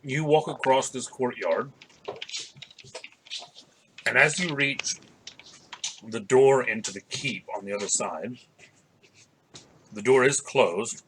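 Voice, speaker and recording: Bright-voiced, unhurried male game master. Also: mid-range voice, slight background noise, rough recording. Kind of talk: narrating a tabletop game. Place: room at home, on a group video call.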